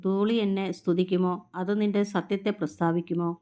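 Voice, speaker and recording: Woman reading psalms aloud, steady. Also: medium pitch. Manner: measured, even recitation of psalms. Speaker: scripture reader.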